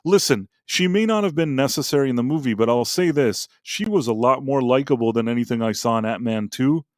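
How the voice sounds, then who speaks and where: A man's voice: medium pitch, a little fast, no room sound, clean studio sound. A man co-hosting a pop culture talk stream, giving blunt, rambling opinions with many restarts and fillers. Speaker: podcast co-host. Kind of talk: casual opinionated chat.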